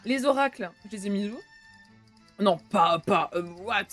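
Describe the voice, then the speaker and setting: A woman's voice: medium pitch, animated, a little slow, fairly bright tone, soft background music. Chatty young woman streamer. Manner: chatty, swears casually, talks to chat. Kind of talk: casual live-stream chat.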